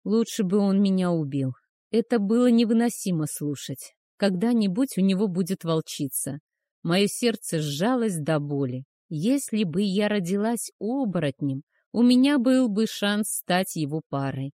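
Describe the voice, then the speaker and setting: A woman narrating a first-person fantasy romance audiobook in a soft, measured, emotional way. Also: medium pitch, lively intonation, no room sound, clean studio sound.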